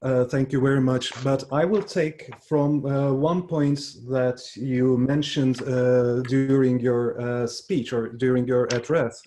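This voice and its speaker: A man moderating a panel discussion, halting as he searches for words. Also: mid-range voice, steady tone, warm tone, slight background noise.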